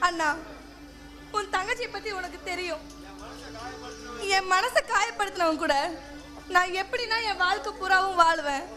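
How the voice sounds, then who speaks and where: A woman's voice: extremely high pitch, moderate pace, pauses often. A woman acting a defiant young daughter in a village stage drama, pleading with her father in a declamatory way. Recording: stage recording with loud music behind.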